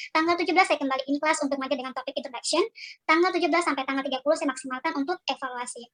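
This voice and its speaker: A woman's voice: high voice, fairly bright tone. A woman with a digitally disguised voice giving a formal, explanatory slide presentation as a teacher over a video call. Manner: explanatory, signposting each section. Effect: voice changer, digitally disguised voice. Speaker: teacher presenting a project proposal.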